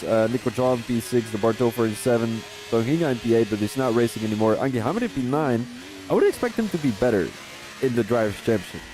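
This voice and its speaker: On poor audio, a Belgian man with a mid-range voice provides live sim racing league commentary. He rambles conversationally between moments and gets excited calling out overtakes.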